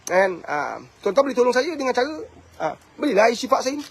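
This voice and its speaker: Malaysian malay guy, 50s, high husky voice, preachy and scolding, keeps asking rhetorical questions. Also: very animated, fairly quick. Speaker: motivational speaker and family coach. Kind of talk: preachy talk to camera.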